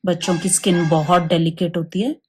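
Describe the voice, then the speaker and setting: A woman demonstrating baby massage in a hushed, soft-spoken way, often checking in with her listener. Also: on the low side, flat delivery, fairly quick, slight background noise.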